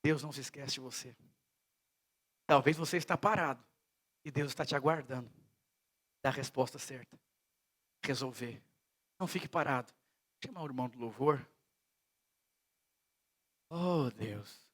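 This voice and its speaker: A male pastor from Brazil preaching a sermon in a church service, telling stories and swinging between hushed and loud delivery. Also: mid-range voice, moderate pace, pauses often.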